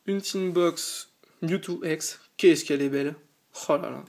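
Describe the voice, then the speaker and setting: Fairly high-pitched with vocal fry and a slightly mellow quality, the host's voice moves at a measured pace. Tired but eager, he chats his way through a casual unboxing from a small indoor sofa, hesitating again and again.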